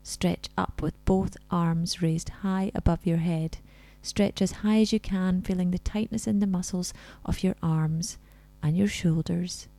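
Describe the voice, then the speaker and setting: A woman leading a scripted guided relaxation in a soft, soothing, breathy spa-like voice that comes close to a whisper. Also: fairly low pitch, steady tone, a little slow, few pauses, no room sound.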